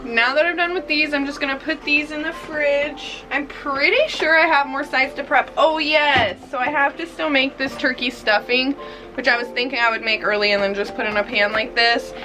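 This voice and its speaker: A young American woman chatting casually to viewers inside a small trailer, upbeat and informal, thinking out loud. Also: fairly high pitch. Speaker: vlogger.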